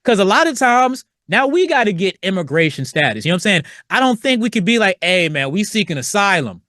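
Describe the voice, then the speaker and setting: A man's voice: high voice, big pitch swings, quick pace, a bit bright, no echo, studio quality. Profane laid-back male podcast host. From Virginia. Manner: loose, profane, slangy, acts out quoted voices. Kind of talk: solo podcast rant.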